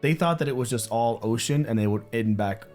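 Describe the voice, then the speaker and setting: A man talks through his thoughts in a loose, casual chat, circling back and restarting as he goes. His pitch sits in an ordinary middle range, and faint music plays softly underneath. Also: fairly quick. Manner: thinking aloud, rambling with many "like"s and restarts. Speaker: co-host of a couple reaction channel.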